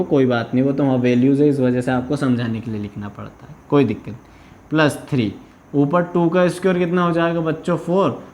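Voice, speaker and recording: A man's voice: on the high side, a little mellow. A man from India teaching maths in a video lesson, working through problems step by step and often checking that students follow. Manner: patient, repeats "है ना" to check understanding.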